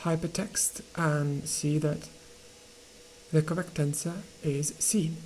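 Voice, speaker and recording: A woman teaching English grammar and pronunciation online, explaining slowly with pauses and fillers. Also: low-pitched, fairly even intonation, a little mellow, a little hiss or hum.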